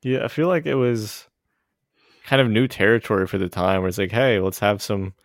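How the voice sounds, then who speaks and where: Low-voiced man telling an easygoing story. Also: lively intonation, brisk, no echo, studio quality. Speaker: podcast co-host. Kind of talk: casual chat.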